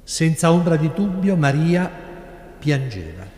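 Slow Italian priest in echoing church. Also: male voice, fairly high pitch, very animated, a little mellow. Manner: slow, measured preaching with long pauses. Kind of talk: sermon. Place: large church sanctuary. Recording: echoey church with long reverb, live broadcast.

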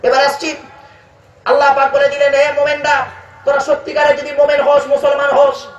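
A man with a West Bengal Bengali accent preaching a waz sermon, calling listeners "baba" and chanting verses slowly. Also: very high voice, monotone. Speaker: preacher at a religious gathering. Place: outdoor religious gathering on loudspeakers. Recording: echoey, distant, dull public address sound.

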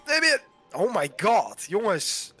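A young man with a Dutch accent, chatting excitedly while gaming online with friends. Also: high voice, slow pace. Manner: excitable, mixes English exclamations into speech. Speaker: gamer. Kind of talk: casual gaming chat. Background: game music.

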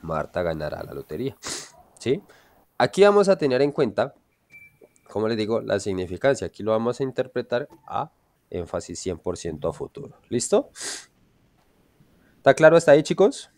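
A man's voice: medium pitch, big pitch swings, normal speed, long pauses, a little mellow, dry recording. A man with a Colombian Spanish accent, teaching an online English lesson and often checking whether his students follow. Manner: checks understanding often, asks students questions.

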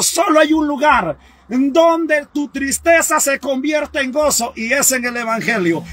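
A man's voice: very high voice, fairly bright tone. A man giving an emotional testimony sermon, fervent and often crying out, calling his listeners brother. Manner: fervent, repeats "hermano", cries out at times. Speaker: evangelist preacher.

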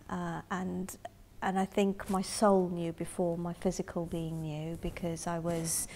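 A middle-aged woman from Zambia telling her life story in an interview, thoughtful and halting, often restarting her sentences, recorded close up in a dark room. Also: lowish voice, slight background noise. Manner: thoughtful, halting, with frequent restarts and soft asides. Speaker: interviewee in a community film. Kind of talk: reflective personal storytelling.

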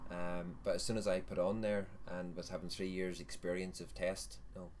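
A man's voice: deep voice, flat delivery, moderate pace, slight background noise. A Northern Irish man in his thirties, hosting a casual livestream chat. He rambles, corrects himself and jokes. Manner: rambling, self-correcting, jokey. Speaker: host of a vaping livestream.

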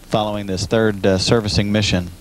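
A man giving live space mission commentary in a measured way with frequent hesitations. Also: lowish voice, flat delivery, very noisy.

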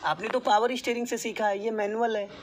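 A male driving instructor coaching a learner inside a car, patient and repetitive, giving step-by-step instructions with some gentle teasing. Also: sits high, level tone, quick pace, slight background noise.

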